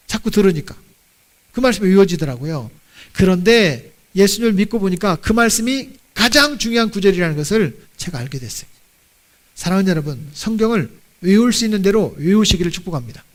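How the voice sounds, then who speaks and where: A middle-aged man preaching a sermon as pastor in a church, animated and leading the congregation in call-and-response. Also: high-pitched. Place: church sanctuary.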